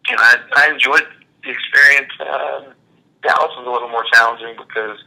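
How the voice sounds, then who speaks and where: A man in his thirties, a former college athlete, talking as an interview guest in a relaxed, reflective way with many fillers. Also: medium pitch, a little fast, vocal fry, low-quality recording. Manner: relaxed, reflective, frequent "you know" fillers. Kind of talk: casual interview conversation.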